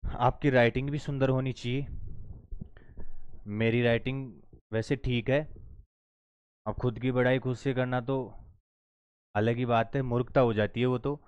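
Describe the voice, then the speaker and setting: Hindi-speaking man teaching phonetics, smooth voice. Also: medium pitch, fairly even intonation, a little mellow, no echo. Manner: explains step by step, repeats words slowly while writing. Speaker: English teacher. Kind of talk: Hindi-language online lesson.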